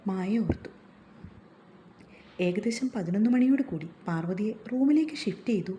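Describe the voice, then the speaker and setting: A woman narrating a scripted family story in a gentle, even reading voice. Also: mid-range voice, moderate pace, muffled recording, a little hiss or hum.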